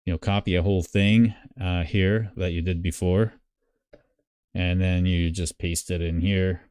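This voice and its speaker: Very low-voiced man thinking aloud. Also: flat delivery, unhurried, a little mellow, smooth, no room sound, clean studio sound. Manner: thinking aloud, many fillers and restarts. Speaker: live stream host. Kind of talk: casual screen-share walkthrough.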